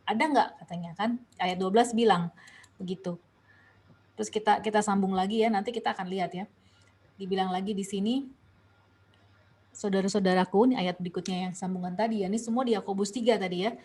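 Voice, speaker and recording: A woman's voice: medium pitch, steady tone, fast talker, a little mellow, breathy edge. A young woman with an Indonesian accent guides a Bible study. She questions the group, reads scripture aloud and restarts her sentences often. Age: young adult. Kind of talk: online Bible study discussion.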